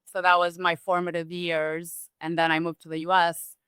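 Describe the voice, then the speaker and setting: A woman from Romania talking as a guest in a relaxed, thoughtful interview, with restarts and small laughs. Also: lowish voice, normal speed, smooth, no echo. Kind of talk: casual conversational interview.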